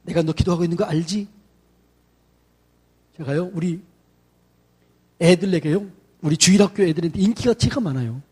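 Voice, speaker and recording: A middle-aged man, a senior pastor, gives a chatty, lively sermon to church staff and acts out greetings in quoted voices. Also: a little high, breathy edge. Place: church sanctuary.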